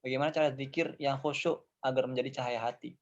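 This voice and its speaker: A man's voice: mid-range voice, fairly even intonation, quick pace. A man moderating a talk, politely reading out a question to the ustaz. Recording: dull, distant lo-fi recording.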